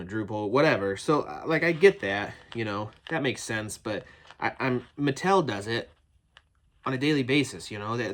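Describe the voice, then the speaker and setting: This man has a mid-range, slightly bright voice, stuffed up and a little phlegmy with a cold. He chats eagerly and rambles, with lots of restarts, while unboxing and reviewing action figures from his toy building.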